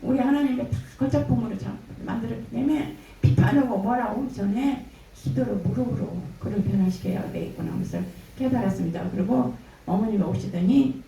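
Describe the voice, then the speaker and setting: A woman's voice: on the high side, fairly quick, creaky. Older woman telling a testimony in an echoey room. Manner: animated storytelling, acting out quoted dialogue. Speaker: church member giving testimony. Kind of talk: spoken religious testimony. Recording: echoey room from a distance, faint noise.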